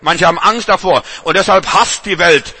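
A man's voice: sits high, normal speed, sharp tone, slightly rough. A man preaching a sermon to a church congregation, repeating and urging his listeners. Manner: emphatic, repetitive exhortation. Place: church service.

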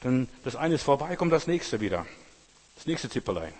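Husky preacher man in an echoing hall. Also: big pitch swings, moderate pace. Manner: addresses listeners directly with rhetorical questions; swings from low, quiet stress to loud raised lines. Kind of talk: sermon. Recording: long hall reverb.

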